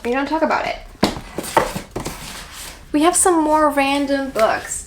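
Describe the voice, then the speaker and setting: A woman with a high-pitched voice speaks a little slowly as she vlogs to camera about books, gushing casually and adding self-deprecating asides. She hosts the video herself. The recording is low quality, with clear background noise and clicks.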